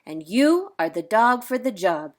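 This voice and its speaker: A woman reading aloud and voicing a small, excitable male chihuahua in a children's storybook, speaking brightly and emphatically. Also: medium pitch, unhurried. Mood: earnest.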